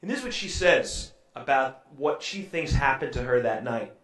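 Heard from far off in an echoing room, a pastor tells a story in his sermon conversationally, hesitating often with ums and uhs. He has a mid-range, somewhat bright, expressive voice at normal speed.

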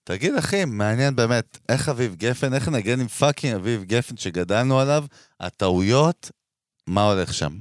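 A man's voice: mid-range voice, animated, no room sound, clean studio sound. A man from Israel hosting a podcast in casual chat, slangy and swearing freely. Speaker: podcast host.

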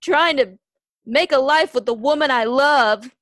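A woman's voice: high voice, a little slow, fairly bright tone, dry recording, studio quality. A woman playing a heartbroken male balloon-business partner in improv comedy, speaking in a wounded, earnest way.

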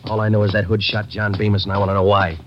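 A man's voice: on the low side, completely flat delivery, fast talker, music in the background, natural voice. An American man playing a terse, dogged police detective in a matter-of-fact, clipped 1950s radio drama style. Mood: grim. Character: terse, dogged male police detective narrating his case. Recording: muffled, noisy old radio recording.

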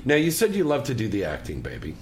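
A woman's voice: a bass voice, huge pitch swings, fast, darkish tone, a little hiss or hum. A woman interviewing a guest in a casual, teasing chat.

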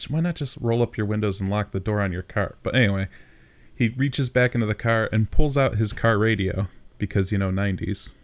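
A man co-host with a low voice, walking through a movie plot in relaxed conversation. He keeps stopping to make wry jokes about how dated things are. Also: a little fast. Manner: wry, pokes fun at dated details. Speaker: podcast co-host. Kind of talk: casual chat recapping a movie.

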